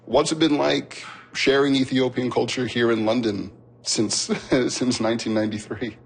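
A male radio host with a gravelly edge to his voice introduces a food segment and then interviews a guest in an easy, conversational way. His questions come at an ordinary middle pitch. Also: fairly even intonation, normal speed.

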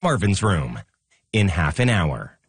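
A man reading a radio station announcement in a smooth, even manner. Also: low voice, slow pace, dry recording.

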